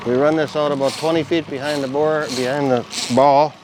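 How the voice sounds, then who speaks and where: A man's voice: fairly high pitch, fairly even intonation, brisk, background noise. A man working as a fishing guide, explaining things casually. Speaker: fishing boat captain and guide. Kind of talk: casual instruction. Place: outdoors on a fishing boat.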